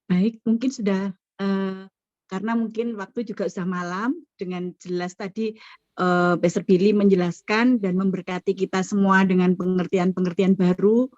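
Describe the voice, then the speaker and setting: Soft-spoken woman moderator. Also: medium pitch, fairly even intonation, normal speed, dry recording. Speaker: prayer meeting moderator. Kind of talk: hosting a prayer meeting call. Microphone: video call. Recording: dull lo-fi video call audio.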